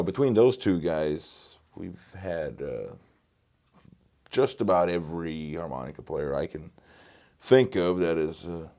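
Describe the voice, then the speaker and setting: A man's voice: deep voice, mellow. A man, a guitarist and studio engineer answering interview questions with many fillers and restarts, on a lapel mic in a small home studio. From Norway. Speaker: guitarist and recording engineer guest. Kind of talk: casual interview. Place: home music studio, indoors.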